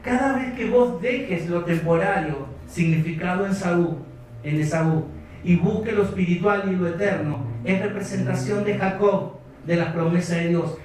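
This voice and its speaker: A man's voice: high voice, normal speed, a little mellow, slight background noise. A man with a Rioplatense Spanish accent preaching a sermon as pastor, retelling a story and exhorting his congregation. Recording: echoey hall, distant mic.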